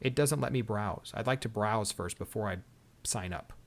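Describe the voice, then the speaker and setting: A man's voice: fairly low pitch, moderate pace, gravelly. A man co-hosting a casual tech show, griping with exasperation about a product he is reviewing.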